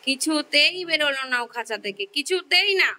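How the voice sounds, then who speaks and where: High bright coaxing young woman. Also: lively intonation, fairly quick. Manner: coaxing, sing-song and cajoling. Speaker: vlogger coaxing her pet parrot. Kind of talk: casual baby-talk to a pet.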